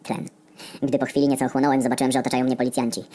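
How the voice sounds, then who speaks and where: With slight background noise behind him, a male narrator of medium pitch rattles through a comedic story at a rapid clip. His dark, mellow voice stays deadpan and wry, peppered with crude swearing.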